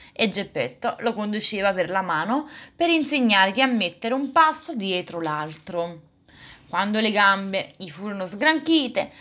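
A woman reading a children's classic aloud, with expressive, lively phrasing. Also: medium pitch. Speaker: reader. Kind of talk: storybook reading.

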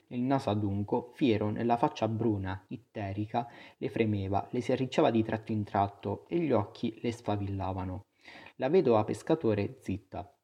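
A man reads a literary novel aloud in the first person, measured and expressive. His voice sits low and has a husky, breathy grain. The tone is dark and mellow. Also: highs cut off. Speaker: narrator. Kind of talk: audiobook reading of a literary novel.

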